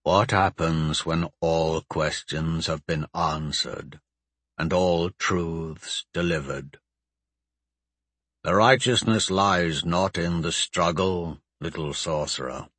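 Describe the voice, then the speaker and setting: Very deep, slow ancient lich. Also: male voice, fairly bright tone, no room sound, exaggerated voice. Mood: cold, probing. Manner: slow, measured, commanding. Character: ancient male lich, cold grandiose undead sorcerer. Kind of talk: audiobook character voice.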